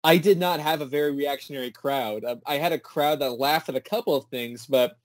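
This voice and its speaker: Animated guy co-hosting a chat, bit high voice, dry close sound. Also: brisk, no room sound. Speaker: co-host. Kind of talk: casual chat.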